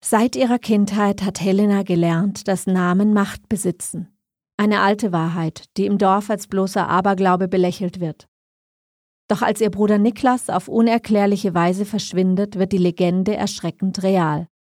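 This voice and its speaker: A woman reading a scripted dark fantasy story as narrator, in a measured, suspenseful way. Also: mid-range voice, fairly even intonation, no room sound, studio quality.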